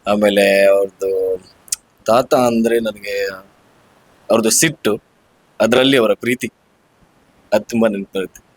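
A young man being interviewed about family memories, speaking haltingly with many pauses. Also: lowish voice, fairly even intonation, slightly rough, no room sound, low-quality recording. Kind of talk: casual interview reminiscence.

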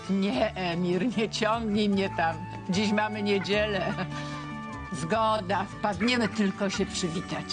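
A woman's voice: medium pitch, slow, close to an everyday voice. A woman voicing friendly, coaxing Adela. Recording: cartoon music behind.

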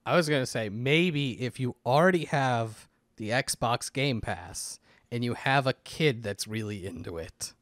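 A man's voice: mid-range voice, a little slow, dry recording. A man co-hosting a game podcast, speaking dryly and reading listener letters aloud. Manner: dry, deadpan, reads letters aloud. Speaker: podcast co-host. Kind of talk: casual chat.

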